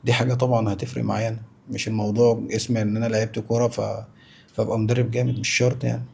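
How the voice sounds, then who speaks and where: Very fast, gravelly Egyptian man talking unscripted. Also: on the low side, level tone, a little mellow. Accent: Egyptian Arabic. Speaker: interview guest, former professional footballer. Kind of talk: natural unscripted talk, casual interview.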